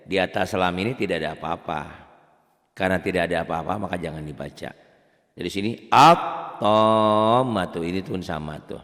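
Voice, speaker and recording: A man teaching Quran recitation in a casual, patient way, stretching the example words into slow chanted recitation. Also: sits low, big-room sound. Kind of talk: casual spoken tajwid lesson.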